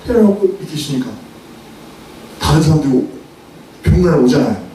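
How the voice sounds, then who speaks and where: A middle-aged man preaching a sermon as a seminary professor, telling anecdotes and acting out quarrels with sudden shouted lines. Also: on the high side, fast talker. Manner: animated storytelling, acts out quarrels with sudden shouts. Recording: echoey hall, far from the mic, faint noise.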